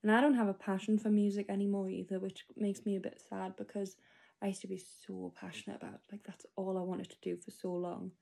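A woman's voice: medium pitch, level tone, quick pace, vocal fry, mellow. A 25-year-old woman rambling through a spoken diary entry, casual and full of fillers. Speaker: podcast host.

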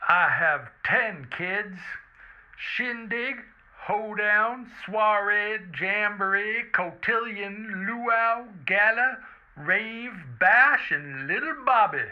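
A man's voice: high voice, extremely slow, voice pushed up. A man doing a folksy biscuit boss on speakerphone. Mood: boastful. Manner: blustery salesman, old-timey rural talk. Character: folksy old-fashioned male biscuit company owner. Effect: heard over a phone speaker. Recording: muffled phone speaker sound.

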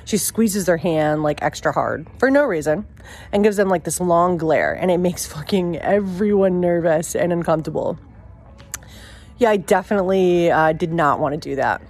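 A young woman with a slightly low voice tells a story about her own past. She talks in a casual, animated way, swears freely and pokes fun at herself. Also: normal speed. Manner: animated, profane, self-mocking.

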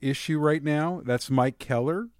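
A man's voice: fairly high pitch, measured pace, dry recording, clean studio sound. A man hosting a casual podcast, talking in a wry, easygoing way with some hesitation. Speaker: podcast host.

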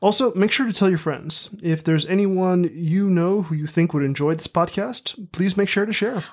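A man's voice: sits high, normal speed. Dry, understated male podcast co-host. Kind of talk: scripted comic podcast banter.

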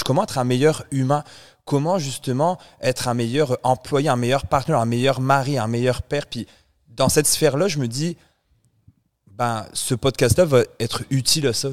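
Man, 30s, France-born podcast co-host, mid pitch, loose and rambling with restarts. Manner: chatty, rambling, frequent restarts. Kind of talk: casual chat.

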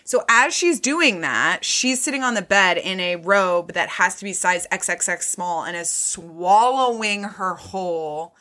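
Bright-voiced woman chatting casually. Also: lowish voice, animated, a little slow, hardly any pauses. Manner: chatty and loose, full of "like", swears freely. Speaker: podcast co-host. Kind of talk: casual chat recapping a movie.

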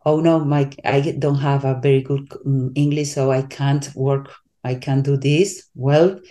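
Spanish-accented woman coach, slow and halting, warm mellow tone, casual interview guest. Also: very deep voice, fairly even intonation. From Spain. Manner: halting, searches for English words, many restarts.

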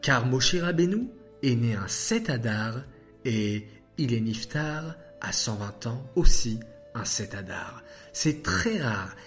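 A man telling a religious story to children, animated and asking the listeners questions. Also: medium pitch.

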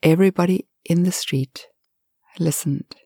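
A woman reads a storybook aloud in a gentle, very unhurried voice that sometimes slips into a whisper. Her tone is soft and a little low. The sound is close and dry with no room around it. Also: steady tone, slightly rough, no room sound. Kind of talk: storybook narration.

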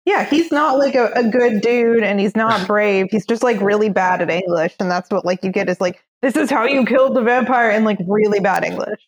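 A woman's voice: mid-range voice, normal speed, hardly any pauses. A woman co-hosting a podcast in casual chat, dry and bluntly opinionated. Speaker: podcast co-host.

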